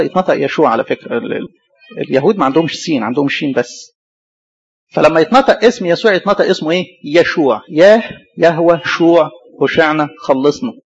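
A man's voice: a little high, slightly rough, lo-fi sound. A man preaching a sermon in an Egyptian Arabic accent, who keeps asking rhetorical questions and answering them himself.

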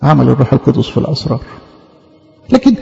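A man's voice: mid-range voice, very animated, fast, creaky, warm tone. A man with an Egyptian Arabic accent preaching a teaching sermon, arguing through rhetorical questions and emphatic repeated denials. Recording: echoey hall, dull lo-fi sound.

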